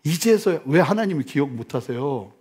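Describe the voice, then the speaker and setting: Animated high-voiced male pastor preaching. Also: moderate pace. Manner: animated, swinging from loud exclamations to hushed near-whispers. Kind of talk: sermon.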